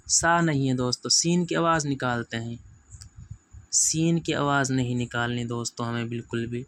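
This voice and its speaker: A Quran reading teacher with a mid-range voice gives a letter-by-letter pronunciation lesson in a flat, even delivery, slowly stretching out each letter sound. He's patient and repetitive, keeps saying "friends," and a faint hiss sits behind him.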